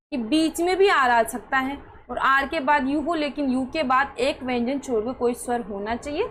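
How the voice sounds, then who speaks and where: High-voiced woman teaching pronunciation. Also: a little hiss or hum, poor audio. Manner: asks questions and answers them herself. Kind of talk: explaining spelling rules to students.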